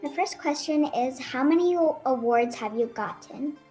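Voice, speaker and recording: A woman carefully reads prepared interview questions in a high, clear voice, with faint music behind her. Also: moderate pace, warm tone. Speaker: young interviewer.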